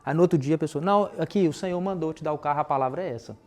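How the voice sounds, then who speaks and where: A man preaching at a brisk, rushing pace, his voice sitting a little high for a man. He tells personal testimonies like a storyteller, acting out remembered conversations in relaxed everyday slang. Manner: lively storytelling that acts out remembered dialogue in casual slang.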